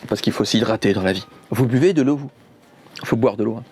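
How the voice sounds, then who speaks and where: A man's voice: fairly low pitch, fairly quick, crowd noise. A man chatting casually while unboxing gifts on camera, rambling, joking and laughing often. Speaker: YouTuber unboxing a subscription box.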